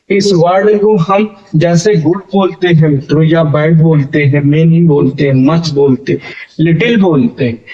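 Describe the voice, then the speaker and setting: Slow-paced Hindi-accented teacher. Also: male voice, a little high, darkish tone, muffled recording. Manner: explains slowly, repeating words and addressing viewers as friends. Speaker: English grammar teacher. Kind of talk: classroom lecture.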